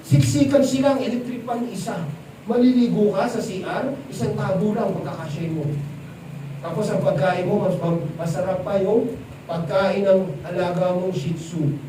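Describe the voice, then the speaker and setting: In a church event hall, an animated male preacher with a high voice delivers a lively sermon at normal speed, quizzing the crowd as he tells the story and mixing in English. The mic catches him from a distance in the echoey hall over steady background noise.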